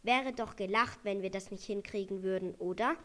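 A woman's voice: mid-range voice, moderate pace, a bit bright, natural voice. A woman voicing a firm, sensible female reindeer in a storybook, scolding but fair. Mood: encouraging.

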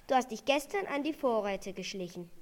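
A woman voicing a watchful male reindeer in a storybook, reproaching a friend briskly. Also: on the high side, expressive, lightly acted. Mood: reproachful.

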